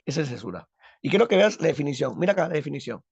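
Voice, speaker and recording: A man's voice: fairly high pitch, sing-song, very fast, vocal fry, slightly rough, no echo. A man teaching a literature class, who drills the students with questions and answers them himself. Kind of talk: recorded class lesson. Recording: dull lo-fi, dry.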